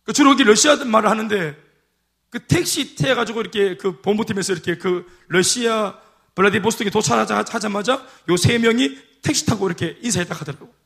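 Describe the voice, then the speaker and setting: A male pastor preaches in a church, his voice pitched high for a man. He keeps drawing amens and hallelujahs from the congregation. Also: a little fast, creaky, a bit bright. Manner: call-and-response preaching, repeated amens and hallelujahs. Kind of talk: sermon. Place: church sanctuary.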